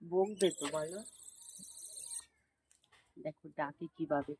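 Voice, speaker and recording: A woman chatting casually on a phone video from behind her house, talking to the animals and viewers and scolding them gently. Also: slow pace, a little hiss or hum. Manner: talks to the animals and viewers, scolds gently, lowers voice to avoid neighbours. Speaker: vlogger feeding monkeys. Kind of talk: casual home vlog commentary.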